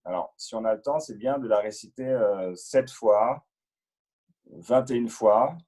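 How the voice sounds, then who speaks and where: A man patiently explaining a Buddhist prayer as interpreter and teacher, in a halting way with many fillers and repeated words. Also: on the low side, dark tone.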